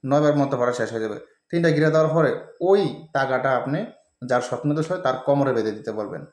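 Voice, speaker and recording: A man's voice: medium pitch, a little mellow, reverberant. A man reading aloud from a handwritten notebook and explaining it to his viewers in a plain, chatty way. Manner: reads slowly, then explains in plain chatty asides. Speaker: bookseller showing a handwritten manuscript.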